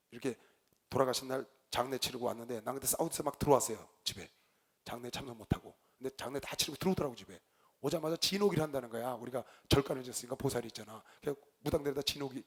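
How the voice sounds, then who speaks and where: A male pastor preaching, telling a story with lively swings between loud outbursts and quiet low asides. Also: husky. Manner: animated storyteller, shouts quoted lines, drops to low asides. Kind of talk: sermon with storytelling.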